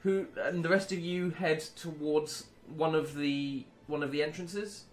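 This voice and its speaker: A man's voice: on the high side, fairly even intonation, a little slow, a little hiss or hum. A man narrating as game master of a tabletop game, hesitant, with many ums and self-corrections.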